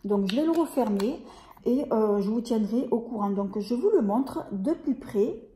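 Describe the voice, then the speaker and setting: A woman's voice: a little high, animated, unhurried, mellow, a little hiss or hum. A woman vlogging a beauty unboxing in a casual, hesitant way, full of fillers and restarts. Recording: echoey room.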